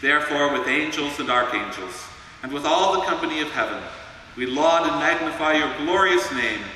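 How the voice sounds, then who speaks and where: A male pastor leading a church liturgy in a solemn, measured way, his voice carrying through a cathedral echo. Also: fairly high pitch, animated, pushed and bright. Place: large church. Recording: echoey church hall from far off, faint hiss.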